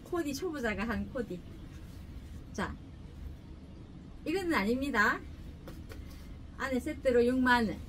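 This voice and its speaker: Middle-aged shopkeeper woman, high bouncy voice, chatty and pushy, heard from a distant camera with faint shop hum. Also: animated, slow, long pauses, a bit bright. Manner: chatty, joking, pushy seller. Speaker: clothing shop owner. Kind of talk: casual sales pitch. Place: clothing shop indoors. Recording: distant mic, faint room noise.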